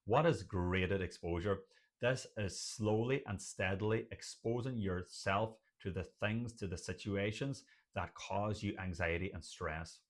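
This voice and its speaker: With a fairly low pitch and a measured pace, a man from Ireland offers motivational advice straight to camera. He's a doctor and stuttering advocate hosting the video, and his emphatic delivery leans on repetitive lists.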